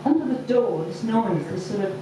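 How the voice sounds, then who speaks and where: At a comedy venue full of laughter, a woman does stand-up at medium pitch, expressive yet hesitant, taking her story slowly with lots of ums and pauses. The live room recording is far-off, echoey and very noisy.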